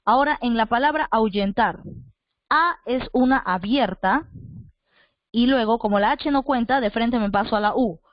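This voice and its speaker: Woman teacher online, repeats everything, keeps asking questions back, slightly high voice, dull dry audio. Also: normal speed, dry recording. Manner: patient, repeats points, asks the listener rhetorical questions. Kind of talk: online class lecture.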